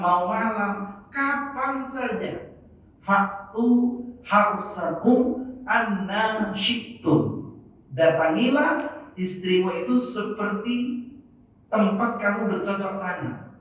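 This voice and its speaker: High, slow-talking preacher in echoey mosque. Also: male voice, a bit bright. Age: 50s. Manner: playful, question-and-answer with congregation. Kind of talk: sermon. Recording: echoey mosque from far off, faint noise.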